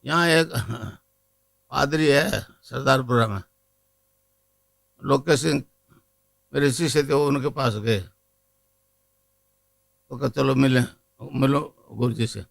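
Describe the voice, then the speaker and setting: A man's voice: medium pitch, slow, creaky, long pauses. An older man, a guru, giving a rambling spiritual discourse to a gathering and chanting a mantra. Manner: digressive, teaching, chants a mantra.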